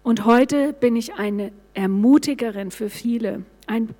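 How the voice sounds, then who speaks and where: A middle-aged woman giving a personal testimony to a congregation, telling her story in a lively way and acting out the dialogue. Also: a little high, measured pace. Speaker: church speaker giving a testimony. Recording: reverberant hall sound.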